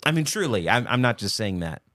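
A man hosting a casual podcast with his brothers, talking in a relaxed, rambling way. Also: lowish voice, a little fast, dry recording, clean studio sound. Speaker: podcast host. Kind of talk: casual chat.

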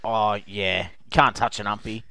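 Male Aussie footy-podcast panellist, smooth mid-range voice, dry close sound, blunt laconic banter. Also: lowish voice, fairly even intonation, measured pace, pushed and bright, no echo. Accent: Australian. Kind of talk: casual sports banter.

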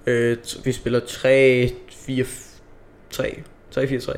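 A man with an average-pitched voice. He speaks in a casual, conversational way, giving his football predictions to a partner. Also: monotone. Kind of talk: casual chat.

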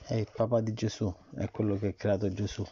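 A middle-aged man reading a bedtime story aloud to his son and gently, patiently asking him questions about it. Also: fairly low pitch, flat delivery, brisk, slight background noise. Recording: dull lo-fi recording.

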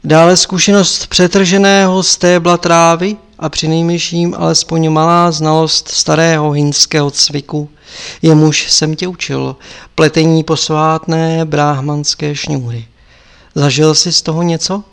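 A man reading an audiobook, voicing an old male lama abbot who admonishes his pupil in a measured, lecturing way. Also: on the high side, level tone, vocal fry, clean tone. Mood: admonishing.

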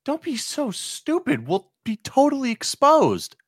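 An urgent, anxious survivor from a comedy script, acted out by a man. The pitch moves around a lot in protest, and the sound is close and dry. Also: sing-song, a little fast, a bit bright, no room sound.

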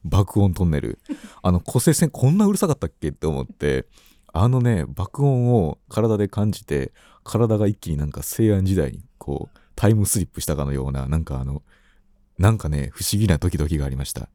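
Low, dark-voiced man telling stories. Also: very animated, brisk, no room sound, studio quality. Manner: easygoing storyteller, acts out quoted phone talk. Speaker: radio corner host. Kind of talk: casual radio chat.

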